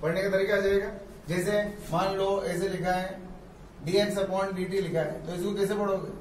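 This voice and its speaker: A physics teacher gives a classroom lecture, explaining step by step and repeating terms slowly. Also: male voice, high-pitched, fairly even intonation, slight background noise. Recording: echoey room, mic far off.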